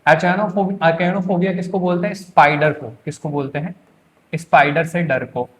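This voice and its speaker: A man's voice: fairly high pitch, steady tone, normal speed. A man teaching English for an exam, quizzing students with repeated questions. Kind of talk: exam-prep lecture.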